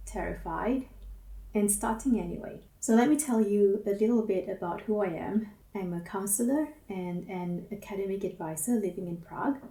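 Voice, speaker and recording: An unhurried woman in her forties with a lilt, speaking softly and thoughtfully about her own path. Her voice is warm and mellow, and she is set back from the mic in a roomy, echoing space. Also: medium pitch. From Singapore. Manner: gentle, measured, introspective. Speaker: counselor and academic advisor. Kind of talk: reflective personal monologue. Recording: roomy echo, mic at a distance.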